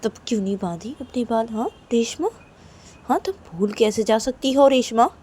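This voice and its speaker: A woman voicing Kajal, a hot-tempered young woman scolding her partner with loud repeated questions. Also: on the high side, moderate pace, a little hiss or hum, pitched above the performer's own voice, natural voice. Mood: angry scolding. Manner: shouting angry questions, repeating "हाँ?".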